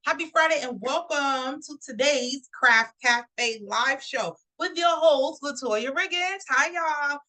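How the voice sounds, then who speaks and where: A woman's voice: high voice, slow pace, hardly any pauses, pushed and bright, poor audio. A woman from New York hosting a live online talk show, upbeat and chatty, speaking straight to her viewers. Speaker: host.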